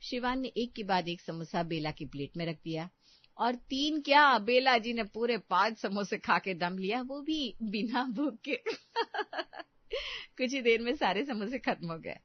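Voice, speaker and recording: A woman narrating a children's cartoon story in an even storytelling manner. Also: fairly high pitch, no room sound. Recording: dull, dry lo-fi.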